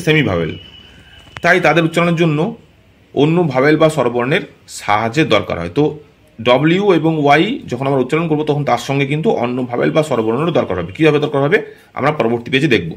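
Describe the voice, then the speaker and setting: A man giving a patient spoken phonics lesson, explaining step by step and often checking that his students follow. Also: fairly high pitch. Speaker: English teacher.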